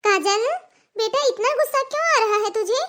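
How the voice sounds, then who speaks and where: A woman voicing a patient middle-aged mother in a cartoon, calmly reasoning and coaxing her daughter. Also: very high voice, moderate pace, a little hiss or hum. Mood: lecturing. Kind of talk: cartoon voice acting.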